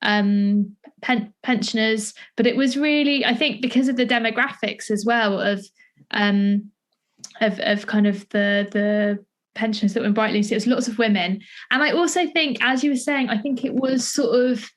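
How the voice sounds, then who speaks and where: A woman who is a theatre maker chats as the interviewer in a casual interview conversation. Her voice is on the high side at a moderate pace, and she speaks tentatively, hedging heavily.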